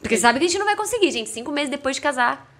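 A young Brazilian woman with a mineiro accent, a podcast guest telling a story in an animated way, laughing and acting out quotes. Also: high-pitched, racing. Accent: Brazilian Portuguese, mineiro. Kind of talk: casual storytelling chat.

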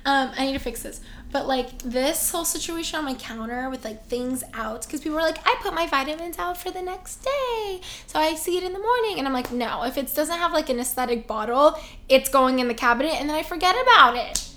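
A woman's voice: sits high, animated, fairly quick, bright, forceful tone, slight background noise. A young woman co-hosting a podcast in casual chat, chatty and self-mocking. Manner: chatty, self-mocking, acts out quoted voices. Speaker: podcast co-host.

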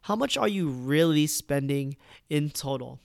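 A man, stuffed up from a cold, talks through home-buying advice in a relaxed, chatty way. His voice sits a bit high and has a gravelly edge, and the sound is dry and close. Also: unhurried, no room sound. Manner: conversational, tags points with "right?" and "you know". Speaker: real estate agent. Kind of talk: casual advice talk to camera.

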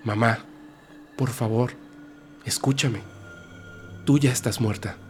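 A man voicing a schoolgirl who gently but firmly pleads with her mother. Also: medium pitch, fairly even intonation, takes it slowly, soft background music, natural voice. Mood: firm pleading. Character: schoolgirl daughter, firm and patient.

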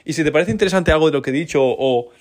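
A young man from Spain in his twenties talks through a casual solo podcast. He speaks quickly and informally, keeps checking in with his listener through little tag questions, and his voice sits a bit high for a man. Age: 20s. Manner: fast, chatty, informal, with frequent tag questions. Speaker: podcast host. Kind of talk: casual business podcast monologue.

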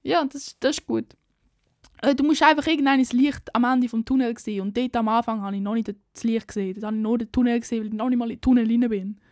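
A woman's voice: a little high, fairly even intonation, quick pace, darkish tone, no echo, clean studio sound. A young woman with a Swiss German accent, talking in a chatty, slangy, candid way in a casual vlog chat. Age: young adult. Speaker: vlogger.

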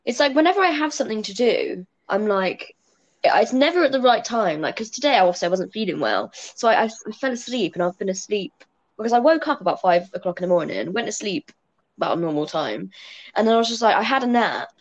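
A woman's voice: medium pitch, very animated, a little fast. Giggly young woman on a dull line. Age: 20s. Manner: giggly, self-deprecating. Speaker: comedian guest. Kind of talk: casual chat. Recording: dull lo-fi recording.

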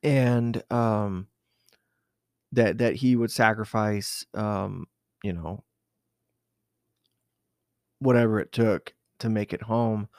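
Speaking slowly and pausing often, a southern Arizona man with a fairly low, steady voice reflects on a personal memory in an unscripted oral-history interview. He hesitates, restarts, and uses plenty of fillers; the studio sound is clean, with no echo.

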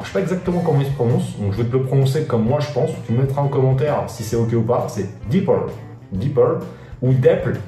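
A slangy French man with a dark-toned, medium-pitched voice records a casual direct-to-camera advice video as an online business coach. He speaks informally, uses plenty of fillers, and addresses the viewer as "tu." The room is echoey, with faint guitar music.

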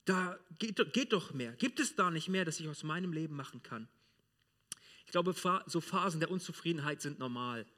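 High, bright-voiced German pastor preaching. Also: male voice, normal speed. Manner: lively, direct, addresses the congregation informally. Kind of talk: sermon. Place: church.

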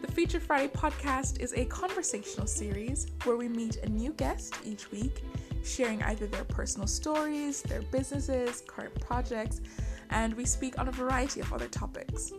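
A woman hosting a podcast, giving the intro and then interviewing her guest with warm encouragement and quick mm-hmms. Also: a little high. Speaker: podcast host. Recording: faint music under the voice.

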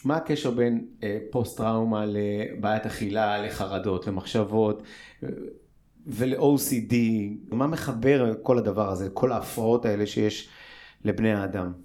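A man's voice: fairly low pitch, warm tone. A man interviewing a guest in casual chat, informal and self-deprecating, putting things in a layman's words.

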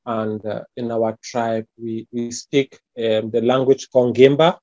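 A man from Cameroon with a Cameroonian accent, answering interview questions in a hesitant, unhurried way full of pauses and fillers. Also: medium pitch, flat delivery, warm tone, no echo, highs cut off. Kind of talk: casual conversational interview.

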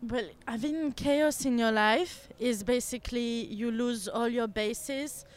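A woman's voice: a little high, slow pace. A woman answering questions in a street interview outdoors in a city. She talks thoughtfully and sometimes searches for words.

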